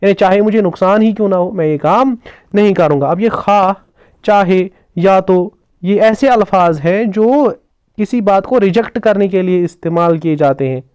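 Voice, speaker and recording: A man's voice: high-pitched, moderate pace, darkish tone, clear, resonant tone, dry recording. A man teaching a grammar lesson for exams, asking questions and answering them himself, with English terms mixed into his explanations. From Jammu and Kashmir. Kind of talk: exam-focused grammar lesson.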